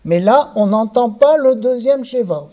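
Slow, patient man teaching a class. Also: very high-pitched, animated, muffled recording. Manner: slow, patient, spells out letters one by one. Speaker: Hebrew teacher. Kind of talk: classroom lesson on reading.

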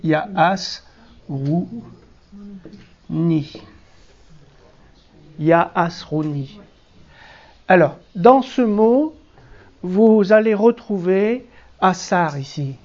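In a dull, lo-fi classroom recording, a teacher works patiently through a biblical Hebrew lesson step by step, hesitating often. The voice is medium-pitched with a darkish tone.

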